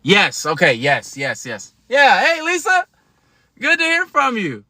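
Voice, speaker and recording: A man in his thirties talks straight to his livestream viewers in a loose, slangy, emphatic way. His voice sits a little high and has a bright edge. The sound is dry and close, with no room around it. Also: wildly swooping pitch, unhurried, no room sound. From United States. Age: 30s. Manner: slangy, emphatic, chatty with laughs. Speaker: livestream host. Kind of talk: casual livestream talk to viewers.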